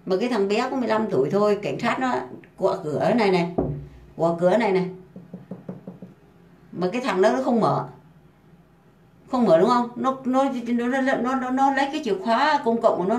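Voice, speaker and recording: A woman delivering an angry, profane rant full of insults and hammering repetition. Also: a little high. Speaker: housemaid ranting online. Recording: roomy echo.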